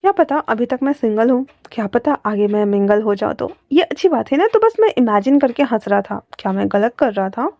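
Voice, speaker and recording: A woman's voice: fairly high pitch, lively intonation, brisk, few pauses, no room sound. A woman voicing a cheerful, chatty young florist who teases his friend, in a dull lo-fi recording. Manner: chatty, teasing.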